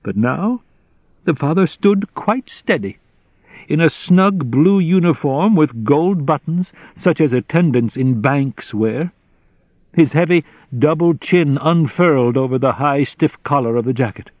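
A man reading a classic novel aloud as narrator, measured and deliberate. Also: on the high side, animated, darkish tone, no room sound, muffled recording. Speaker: audiobook narrator. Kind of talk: scripted literary narration.

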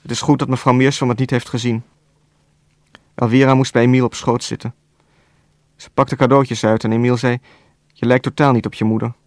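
A man reading a novel aloud as narrator, in a calm, even storytelling voice with a dry wit. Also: medium pitch, brisk, pauses often, dry recording. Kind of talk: scripted audiobook narration.

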